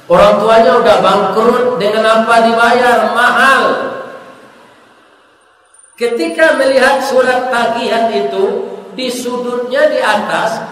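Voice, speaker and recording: A man preaching a sermon to a mosque gathering with a Minangkabau-tinged Indonesian accent, telling a story with humor and dropping softly into the prayers of the people in it. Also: very high voice, fairly even intonation, slow pace, long pauses. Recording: echoey hall, distant mic, faint noise.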